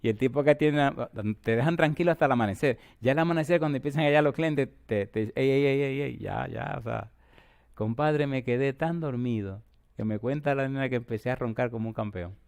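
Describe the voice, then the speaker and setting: A middle-aged man preaching a sermon as pastor, moving between quiet storytelling and loud, emphatic preaching while asking his listeners rhetorical questions. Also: medium pitch, brisk, gravelly. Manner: asks the congregation repeated rhetorical questions.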